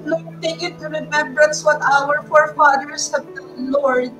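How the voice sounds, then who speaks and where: A woman with a Filipino accent leads a fervent intercessory prayer in a high voice. She calls out "Lord God" again and again between her phrases. She sounds set back from the microphone, with music playing clearly under her. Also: fairly even intonation, unhurried. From Philippines. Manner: repeats "Lord God" between phrases, mixes two languages. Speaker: prayer leader. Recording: distant mic with music underneath.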